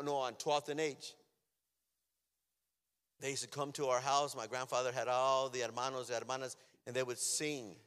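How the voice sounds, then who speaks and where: A man giving an emotional personal testimony, swinging from loud outbursts to near-whispers. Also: medium pitch, clean tone. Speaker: testimony speaker. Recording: long hall reverb.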